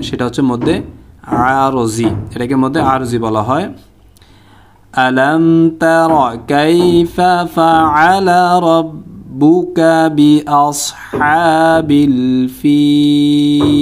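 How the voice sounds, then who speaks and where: A Bangladeshi Bengali-accented man teaching Quran recitation, patiently spelling out each letter and syllable before reading whole verses. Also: mid-range voice. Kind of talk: slow spelled-out recitation lesson.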